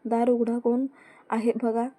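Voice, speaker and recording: A woman's voice: fairly high pitch, monotone, a little slow, warm tone, no room sound. A woman reading a shy pleading young wife. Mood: coaxing. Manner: pleading, coaxing.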